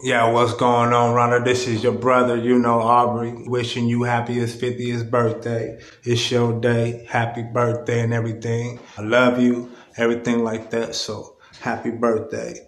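A middle-aged man records a casual phone message in a laid-back way. His mid-pitched voice barely moves in tone, and the room around him echoes. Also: completely flat delivery, normal speed, few pauses. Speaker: brother sending birthday greeting. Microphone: phone at arm's length.

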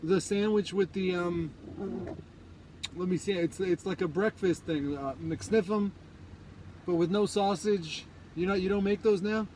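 Man, 30s, high voice, halting but insistent drive-thru customer, faint car noise behind. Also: a little mellow, poor audio. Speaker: prank caller at a drive-thru. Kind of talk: prank ordering at a drive-thru. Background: car and outdoor ambience.

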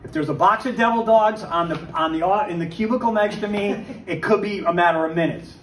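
A man giving a conversational Bible teaching to a recovery group, lively and full of rhetorical questions. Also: high voice, a little fast. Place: church meeting room. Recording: echoey church room, distant mic, faint hiss.

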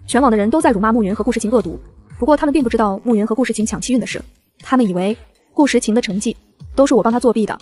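Rapid-fire woman reading a novel. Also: a little high, a little mellow. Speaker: audiobook narrator. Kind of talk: first-person novel reading.

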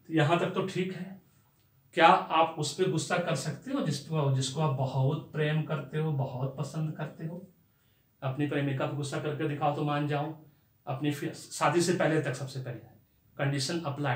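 Male lecturer, fairly high voice, chatty life-skills lesson, rhetorical questions, echoey room. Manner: conversational, rhetorical questions, mixes in English phrases. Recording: roomy echo.

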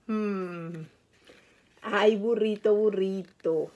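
A woman reading a picture book aloud to children, gently asking the young listener questions. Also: medium pitch, steady tone, drawn-out words, dull audio. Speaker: storyteller.

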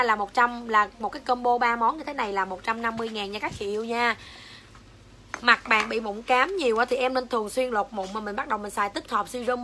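A woman's voice: fairly high pitch, pushed and bright, a little hiss or hum. A young woman with a Southern Vietnamese accent selling skincare on a livestream, switching between coaxing sales patter and foul-mouthed rants at commenters. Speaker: livestream seller.

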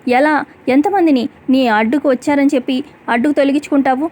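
A woman voicing a bold, righteous woman who lectures sharply and talks back, in a quick serial recap. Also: high voice, darkish tone, lightly acted. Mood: scolding. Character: bold righteous woman scolding an arrogant rich lady.

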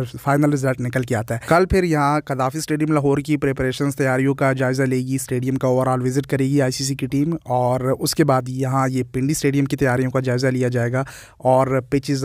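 A man's voice: mid-range voice, a little mellow, dry recording, studio quality. A man with a Pakistani Urdu accent giving opinionated cricket commentary in a channel vlog, talking in short listed phrases with English words mixed in.

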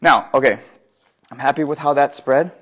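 Woodworker, 30s, male, mid pitch, talks while working in a big workshop, restarts often, phone mic a few meters off. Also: moderate pace, a bit bright. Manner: explains while working, restarts and self-corrections. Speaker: woodworker doing a live demo. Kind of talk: hands-on live demonstration. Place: large indoor wood workshop. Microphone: phone camera a few meters away.

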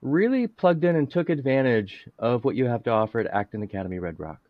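A male podcast host asking questions calmly and reading his show intro, on a dull lo-fi recording. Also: mid-range voice, brisk, dry recording. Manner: calm, brief listening murmurs. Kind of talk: interview and scripted intro.

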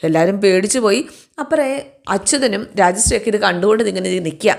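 A woman's voice: mid-range voice, fast, gravelly. Chatty woman recapping a story. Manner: chatty, acts out quotes with tag words. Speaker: serial recap narrator.

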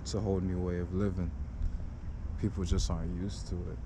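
A man's voice: low-pitched, little pitch movement, a little fast. A young man talking casually while walking outdoors on a neighborhood street, holding a 360 camera on a selfie stick, in a laid-back, slangy vlog. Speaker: vlogger. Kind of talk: casual walk-and-talk vlog. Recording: outdoor recording with clear street noise.

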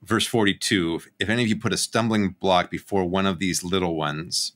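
A man with a low voice talks over a webcam in a casual discussion of a Bible text. His tone is bright and forward, and he lays out his point steadily, one step at a time. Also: fairly even intonation, moderate pace. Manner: explanatory, building a point steadily. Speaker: podcast co-host, biblical studies professor. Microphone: webcam on a video call.

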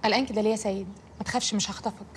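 An actress playing a brisk teasing boss. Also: female voice, medium pitch, fairly even intonation, a little hiss or hum, natural voice. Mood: commanding. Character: bossy female manager, teasing employee.

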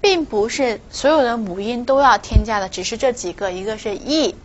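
Woman teaching pronunciation, dull recording. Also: on the high side. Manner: explains patiently, repeats example words slowly and stresses them. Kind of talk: online language lesson.

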